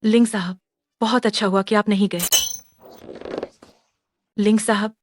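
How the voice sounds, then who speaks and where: A woman's voice: medium pitch, fairly even intonation, measured pace, noisy background, close to an everyday voice. A woman playing an earnest determined young doctor. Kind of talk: Hindi dub acting.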